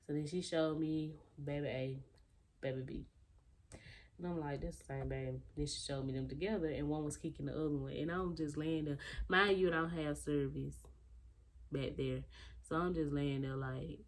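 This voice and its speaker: Low-voiced young woman telling a story. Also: normal speed, a little hiss or hum. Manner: animated retelling, acting out other people's lines; loose, conversational, with fillers and restarts. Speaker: vlogger. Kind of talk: casual storytime monologue.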